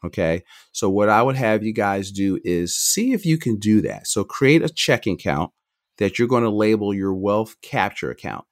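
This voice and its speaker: A middle-aged man, a financial advisor guest on a podcast, talking quickly and energetically, often restarting his sentences. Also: fairly low pitch. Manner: energetic, talks fast, jumps between points with restarts. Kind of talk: conversational podcast interview.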